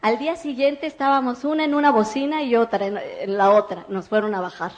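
A woman giving a lively motivational testimony, acting out the voices of the people she quotes. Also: fairly high pitch, a little fast, muffled recording. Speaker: network marketing speaker.

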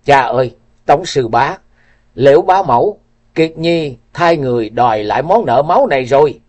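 A man's voice: mid-range voice, lively intonation, normal speed, darkish tone, natural voice. A man voicing a young male swordsman who cries out in despair with a trembling voice.

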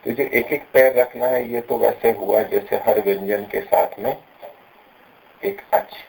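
Gravelly, dark-voiced male teacher. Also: lowish voice, rough recording. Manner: patient, slows down and stresses syllables when demonstrating. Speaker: Sanskrit pronunciation teacher. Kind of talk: explanatory lesson with recited examples.

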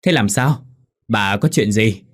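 A man's voice: fairly low pitch, takes it slowly. A man voicing a sickly old father who stammers in shock.

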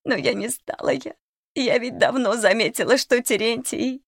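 A creaky frightened old cook. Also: female voice, a little high, moderate pace, no room sound, studio quality, pitched above the performer's own voice. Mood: pleading. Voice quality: creaky, pleading.

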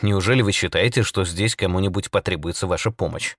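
A man's voice: low-pitched, a little fast, dry recording, studio quality. A man voicing a male newspaper reporter with grim irony. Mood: wry. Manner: grimly ironic.

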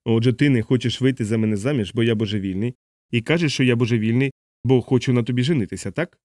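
A man's voice: medium pitch, fast, darkish tone, dry recording, close to an everyday voice. Male reader as a lovestruck young soldier, persistent, teasing, dry sound.

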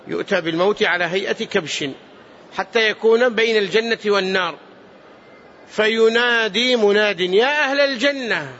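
High, bright-voiced man teaching hadith. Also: highs cut off, a little hiss or hum. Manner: earnest, repeats phrases, adds prayers. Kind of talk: mosque lesson commentary. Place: large mosque.

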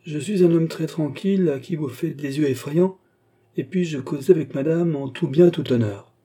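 A man voicing a calm, mildly mocking gentleman who speaks unhurried and polite in an audiobook reading. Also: on the high side, pitched above the performer's own voice. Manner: smooth, unhurried, politely ironic.

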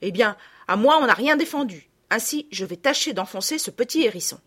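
A woman reading aloud voices Sophie, an impulsive, unhappy little girl who pleads in a high, childlike voice. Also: lively intonation, a little fast, fairly bright tone, husky. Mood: defiant.

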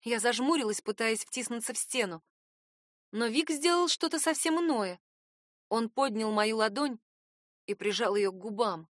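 A woman's voice: a little high, moderate pace, no room sound, clean studio sound. Woman reading a tense audiobook. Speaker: audiobook narrator. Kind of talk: first-person audiobook narration.

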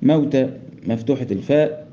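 Speaking a little fast in a warm, medium-pitched voice, an Egyptian-accented man leads a class on the rules of Quran recitation. He explains step by step, questions his students, and chants quoted verses. The recording is dull and lo-fi with a little hiss or hum.

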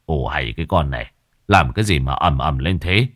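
A man voicing a gruff old villager who scolds and curses angrily. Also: rumbling low, expressive, normal speed, a bit bright, dry recording, studio quality, voice pushed down, heavily acted. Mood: irritated scolding.

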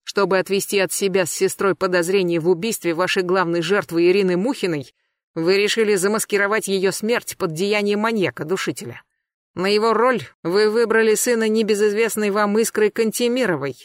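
A reader voicing a cold, persistent male police colonel, cutting and deliberately calm. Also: medium pitch, dry recording, clean studio sound, lightly acted. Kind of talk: audiobook character voice.

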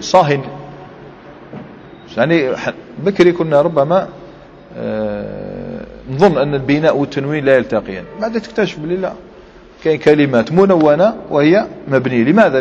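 A man teaching a grammar lesson, explaining step by step and quizzing his students with quick questions. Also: on the high side, gravelly, a little mellow, slight background noise. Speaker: Islamic scholar teaching Arabic grammar. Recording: dull lo-fi recording with long hall reverb.

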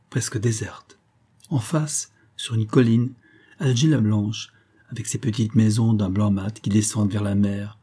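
Mellow husky male audiobook narrator. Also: mid-range voice. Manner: measured, dramatic reading. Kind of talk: scripted narration.

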